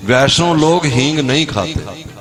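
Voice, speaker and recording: A man preaching a devotional sermon, telling scripture stories with animated energy and putting questions to his audience. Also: a little high, a little slow, music in the background. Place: religious gathering before an audience.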